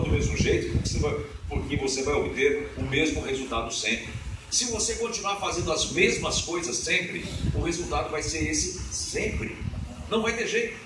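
Booming man lecturing in an echoey hall. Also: noisy background. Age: 50s. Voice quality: booming, resonant voice. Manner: animated, acts out quotes, chatty asides. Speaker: motivational speaker. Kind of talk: live motivational lecture. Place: lecture hall of a spiritist association. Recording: echoey hall from far off, music behind.

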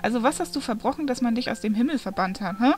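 A woman's voice: fairly high pitch, expressive, fast, darkish tone, faint music behind, lightly acted. A woman reading aloud voices a snappy, angry young male demon, the son of Satan, who scolds and demands answers. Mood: demanding.

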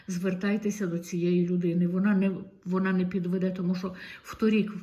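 A middle-aged woman from Ukraine talks to her viewers in an easy, homely chat. Her voice sits at an ordinary middle pitch, and she draws out her words in a warm, talkative way. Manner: chatty and homely, drawn-out words. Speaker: vlogger showing tomato seeds. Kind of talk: casual chat to camera.

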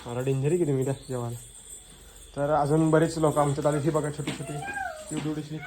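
A man's voice: on the high side, level tone, fast talker, noisy background. A man vlogging casually at a family home, playfully coaxing the children to talk. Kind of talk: casual home vlog chat.

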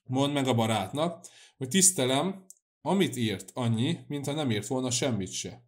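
A man voicing an angry, proud old nobleman who shouts and snaps in an audiobook. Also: medium pitch, animated, natural voice. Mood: scornful. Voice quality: shouting, bristling. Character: furious old nobleman, one-handed, proud.

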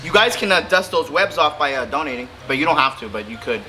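A man in his thirties hosting a fishing vlog outdoors under a bridge by the water, chatting and joking with bursts of excitement. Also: fairly high pitch, quick pace, noisy background. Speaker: fishing channel host. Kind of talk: casual outdoor vlog chat. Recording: background music under the talk. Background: music.

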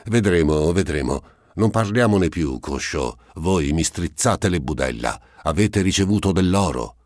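A man's voice: deep voice, animated, a little slow, darkish tone, dry recording, studio quality. A man voicing an old miserly male vintner who is anxious and grasping, with agitated, lamenting exclamations. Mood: evasive.

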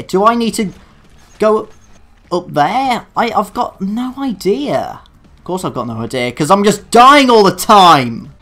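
A man commentating his own gameplay in a dark room, swearing at his failures and making sarcastic, self-mocking asides. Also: on the high side. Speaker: let's play gamer. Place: dark room alone at a computer.

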